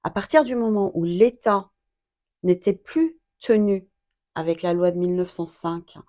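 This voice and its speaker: A woman in her fifties from Iran, answering interview questions in a hesitant way, with frequent filler pauses. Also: lowish voice, warm tone. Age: 50s. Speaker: guest, activist.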